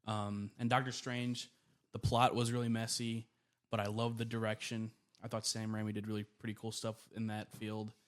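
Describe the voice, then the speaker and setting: A man's voice: lowish voice, completely flat delivery, moderate pace. Easygoing man, laughing casually. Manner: easygoing, laughs between remarks. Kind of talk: casual film chat.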